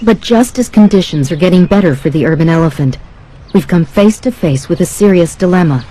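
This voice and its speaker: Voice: medium pitch, lively intonation, fairly quick, warm tone, rough recording. A narrator reading a scripted nature documentary voice-over. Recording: voice-over with prominent music. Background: music.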